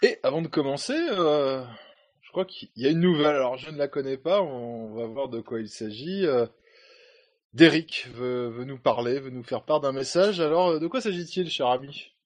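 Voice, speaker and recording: A man's voice: medium pitch, normal speed. A man hosting a casual talk show, introducing segments in a blunt, mocking way with some hesitations. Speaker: host of an online talk show. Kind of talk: casual chat, presenting.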